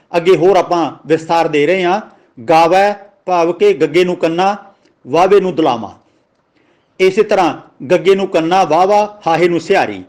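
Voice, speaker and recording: A man with a Punjabi accent giving a religious grammar lesson, slowly spelling out words and their pronunciation. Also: high-pitched, a little mellow. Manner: slow, deliberate, spells out words letter by letter. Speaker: teacher of scripture grammar.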